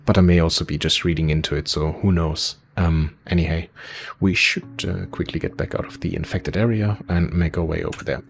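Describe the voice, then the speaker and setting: A man hosting a let's play, thinking aloud in casual gameplay commentary, his voice slightly hoarse and cracking. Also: low voice, steady tone, a little fast, hardly any pauses, a little hiss or hum. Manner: thinking aloud, hesitant, muttering directions.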